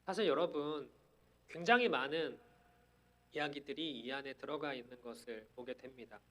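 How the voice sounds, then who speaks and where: A man's voice: medium pitch, moderate pace, sharp tone. A man preaching a sermon, earnest, building up to emphatic declarations.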